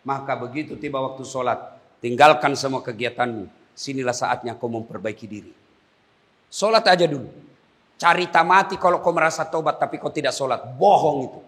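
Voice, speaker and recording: A man preaching a humorous sermon at a prison gathering, animated, swinging between hushed and shouted lines. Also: medium pitch, fairly quick.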